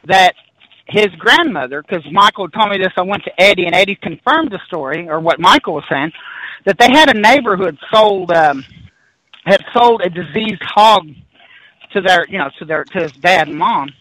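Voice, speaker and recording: Man, high-pitched voice, bright tone, rambling animated storyteller, casual chat. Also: poor audio. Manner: rambling, animated storyteller who backtracks and laughs.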